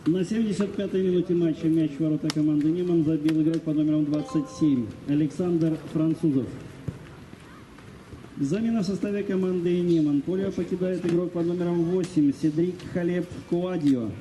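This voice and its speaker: A man working as a stadium announcer, making formal, measured public-address announcements. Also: fairly high pitch, steady tone, dark tone, a little hiss or hum, low-quality recording. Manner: measured, formulaic announcing of goals and substitutions.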